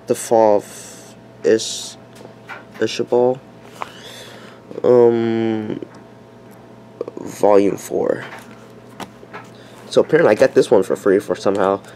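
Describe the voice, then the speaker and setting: A man's voice: lowish voice, mellow. Young man, casual vlog chat, hesitant, handheld camera, light background noise. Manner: hesitant, many fillers. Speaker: vlogger.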